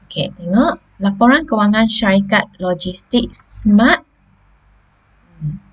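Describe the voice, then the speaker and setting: A Malaysian woman teacher walks her students through a slide-based classroom lesson one step at a time, often checking in with "okey" and "ha?". Her voice is medium-pitched and expressive, her pace slow, and the highs are cut off.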